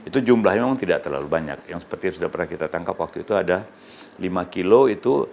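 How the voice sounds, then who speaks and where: A police official explaining in an interview, speaking deliberately with pauses and fillers. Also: male voice, sits low, lively intonation, vocal fry, highs cut off, slight background noise.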